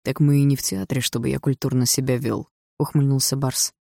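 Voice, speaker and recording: A man's voice: medium pitch, flat delivery, brisk, vocal fry, darkish tone, dry recording, clean studio sound, lightly acted. A man reading the dialogue of a cold, cocky teenage boy in an audiobook, defiant toward his attackers.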